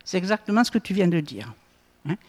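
A woman's voice: on the low side, big pitch swings, fairly quick, darkish tone. Lady teaching a bible group, keeps asking "hein?", big hall echo. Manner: asks the group questions, frequent tag "hein?" and "hmm?". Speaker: Bible study leader. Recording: long reverb in a hall.

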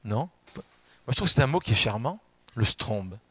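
A man delivers a sermon with an animated, emphatic manner, rising to loud outbursts and dropping to quiet asides. He keeps putting questions straight to his listeners. His voice sits at an average pitch, and the recording is dry and close. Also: normal speed, breathy edge, no echo. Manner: addresses the congregation directly with questions. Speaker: preacher.

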